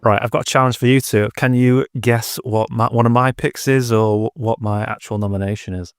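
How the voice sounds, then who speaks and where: A man co-hosting a film podcast, chatting in a relaxed way. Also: mid-range voice, fairly quick, smooth, no echo, studio quality. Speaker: podcast co-host. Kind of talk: casual film chat.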